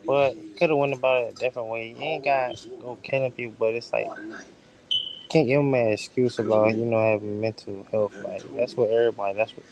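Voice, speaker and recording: A man's voice: mid-range voice, fairly even intonation, fairly quick, dull audio. Earnest man, chatter behind. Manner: earnest, hedging with "you know". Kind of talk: casual chat.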